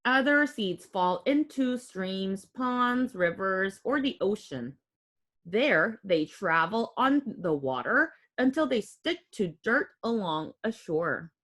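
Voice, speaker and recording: In a slow, medium-pitched voice, a woman shares a picture book with young children as a teacher would. She pauses for simple explanations, and her lively reading is full of gasps and exclamations.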